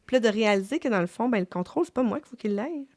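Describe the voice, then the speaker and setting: A woman's voice: fairly high pitch, expressive, rapid-fire, darkish tone. A middle-aged woman with a Québécois French accent, hosting a casual faith chat in a reflective way, with many fillers and restarts. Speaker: podcast host.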